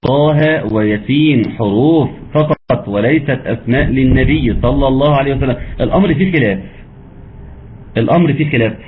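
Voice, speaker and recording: Egyptian male tajweed teacher, mid pitch, tinny phone line, faint hiss behind. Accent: Egyptian Arabic. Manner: explains rules patiently, then recites verses slowly in a melodic chant. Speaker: Quran recitation teacher. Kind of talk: online tajweed lesson.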